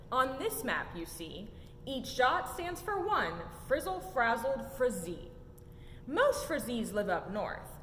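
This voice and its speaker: The story-time reader at a museum, a young adult woman, reads a children's picture book in a highly animated, sing-song voice that sits fairly high. Emphatic rises and falls follow the rhymes, and the echoey exhibit room carries a low rumbling noise.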